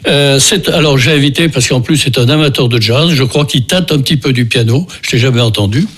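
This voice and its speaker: A man's voice: medium pitch, brisk. An older man hosting a local radio music show, talking in a rambling way with many restarts and fillers, with a Beaujolais accent. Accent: French from Beaujolais. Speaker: radio host.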